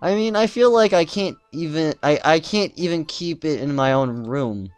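A man's voice: fairly high pitch, lively intonation, normal speed, no echo, soft background music, close to an everyday voice. A man reading aloud and voicing a prickly, embarrassed teenage girl who answers with snappy, defensive retorts. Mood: sulky.

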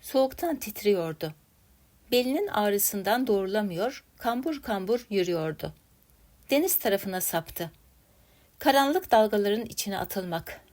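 A woman narrating a classic literary story in a measured, dramatic reading style. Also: medium pitch, a little mellow. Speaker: story reader.

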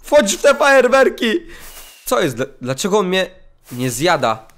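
Excitable high-voiced man playing a game. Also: unhurried. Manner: excitable, exclaiming, talking to viewers. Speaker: gaming channel host. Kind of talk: let's play commentary. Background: faint game music.

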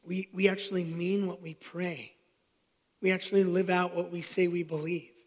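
A man's voice: high-pitched, little pitch movement, moderate pace, big-room sound. A man in his thirties, a pastor preaching, telling a personal story with self-deprecating humor. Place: church sanctuary.

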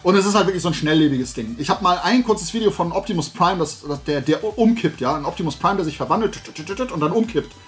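A middle-aged man hosts a toy and comics show from an indoor room lined with collectibles, rambling casually and colloquially to the camera. His voice sits high and fairly bright, and he talks fast and animatedly with few pauses while faint music plays behind him.

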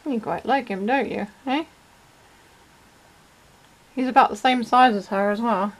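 A woman's voice: fairly high pitch, a little slow, low-quality recording. A woman, hosting a casual video and fondly chatting to her pet. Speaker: video host. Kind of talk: casual chat to camera.

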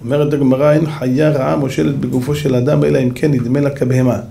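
A rabbi giving a lively sermon, telling stories and acting out the characters with shouts. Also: male voice, medium pitch, gravelly. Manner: animated, acts out voices and shouts in stories. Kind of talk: sermon with dramatic storytelling.

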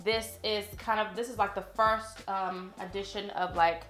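A beauty vlogger chats playfully through a makeup tutorial at home indoors, calling her viewers y'all and sounding a bit congested. Her medium-pitched voice is steady, a bit bright, and moves at a moderate pace.

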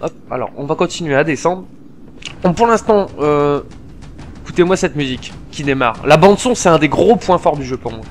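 A man's voice: fairly high pitch, fairly quick, a little hiss or hum. Chatty man narrating his gameplay. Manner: chatty and excitable, with slang and swearing; many fillers while explaining. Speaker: gameplay video host. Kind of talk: casual gameplay commentary.

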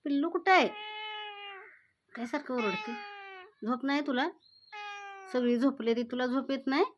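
A woman's voice: high voice, steady tone, normal speed, lo-fi sound, a little hiss or hum. A woman chatting to her pet cat, chiding and then doting on it as if it were a child. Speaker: vlogger talking to her cat. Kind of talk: casual scolding and cooing to a pet.

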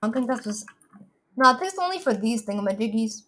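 A young woman chatting casually with a friend while playing an online game, excitable and fond of saying "bro". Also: a little high, quick pace, noisy background. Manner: excitable, says "bro" a lot. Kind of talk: casual gameplay chat with a friend. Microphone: gaming headset mic.

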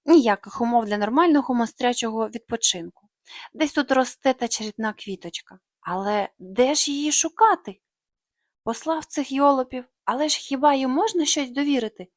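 A woman's voice: high-pitched, normal speed, no echo, clean studio sound. A woman voicing a grumpy, scheming male monster leader who bosses his gang. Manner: grumbling, sly.

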